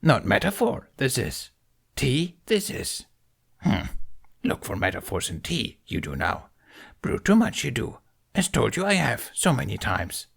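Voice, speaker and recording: A man's voice: mid-range voice, huge pitch swings, measured pace, creaky, slightly rough, voice pushed up, heavily acted. A man voicing Yoda, an ancient tiny male alien sage who speaks in inverted word order. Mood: amused. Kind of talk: fan audiobook reading.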